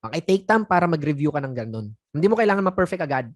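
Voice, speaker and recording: A man's voice: on the high side, big pitch swings, quick pace. A man coaching online sellers in a casual teaching talk. He speaks conversationally, chuckles often and drops in acted example phrases. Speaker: sales coach.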